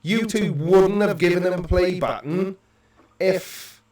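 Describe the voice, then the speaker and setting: A man's voice: sits high, takes it slowly, a little mellow, slight background noise. A man from Wales, chatting wryly as co-host of an online call, his voice carrying a cave-like echo. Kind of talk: casual livestream chat. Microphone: home computer mic over an online call. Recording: echoey room, voice far from mic.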